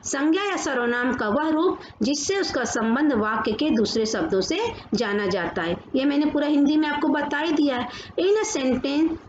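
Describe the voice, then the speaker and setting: A woman teaching a grammar lesson to children. She asks questions and answers them herself, and slows down to read out definitions. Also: high-pitched, animated. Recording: echoey room, dull lo-fi sound with faint noise.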